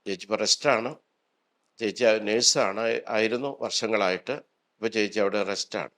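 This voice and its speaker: A man speaks as a priest giving a personal testimony, his voice sitting fairly low. He tells his account earnestly and retells what others said to him along the way. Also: fairly quick, a bit bright. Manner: earnest storytelling, retelling dialogue.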